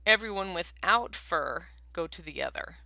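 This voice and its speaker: Brief: sly male bobcat, snarly and loud, gravelly, read by a woman. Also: lowish voice, lively intonation, normal speed, no room sound, full character voice.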